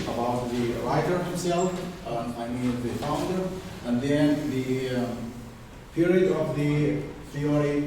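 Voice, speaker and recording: A male student giving a class presentation, pausing often with fillers, recorded from a distance in a classroom. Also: mid-range voice, noisy background. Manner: hesitant, many fillers. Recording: echoey classroom from far off.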